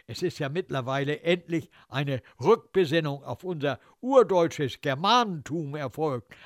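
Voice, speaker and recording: Higher-pitched man reading a story, dry sound. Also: no echo. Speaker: narrator of a story. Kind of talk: scripted literary narration, slipping into characters' voices and thoughts.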